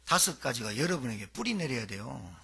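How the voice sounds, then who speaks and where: A middle-aged male pastor preaches with a bright, sharp edge to his husky voice. His pitch leaps around as he fires rhetorical questions. He swings from loud emphatic lines to hushed asides. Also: very animated, brisk. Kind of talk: sermon.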